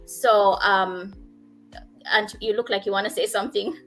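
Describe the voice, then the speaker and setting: A woman co-hosting a casual panel talk, thinking aloud with halting starts and fillers. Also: medium pitch, steady tone, over music, rough recording. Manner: thoughtful, halting, many fillers. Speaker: panel co-host.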